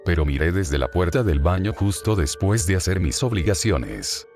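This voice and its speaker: Very deep male narrator, steady horror story reading, faint music bed. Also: moderate pace. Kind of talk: reading creepypasta stories aloud.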